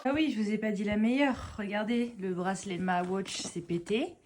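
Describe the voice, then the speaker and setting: A young French woman vlogs casually to her phone camera while out in the streets and a station, rambling through stories and swearing casually. Her darkish, mid-range voice moves a little fast over noisy traffic.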